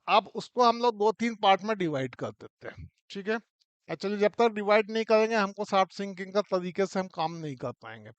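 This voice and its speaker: Male mining instructor with a high, smooth and resonant voice. Relaxed classroom explanation, often checking in with the listener. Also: no echo. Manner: talks through a model step by step, often checks in with the listener. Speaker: mining teacher.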